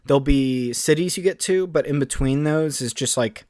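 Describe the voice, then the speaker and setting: A man co-hosting a podcast, chatting casually and excitedly in long rambling runs full of fillers. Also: fairly high pitch, moderate pace, no room sound, studio quality. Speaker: podcast co-host. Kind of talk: casual chat.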